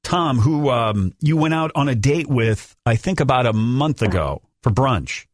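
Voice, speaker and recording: A man co-hosting a morning radio phone-in show with a smooth radio host delivery. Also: medium pitch, lively intonation, a little slow, no echo, clean studio sound.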